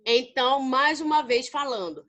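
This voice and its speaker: A Brazilian woman teaches English grammar in a high, bright voice. She speaks to her class with affection and calls them babies. She keeps asking questions and answering them herself. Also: expressive, normal speed. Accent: Brazilian Portuguese. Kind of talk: recorded grammar lesson.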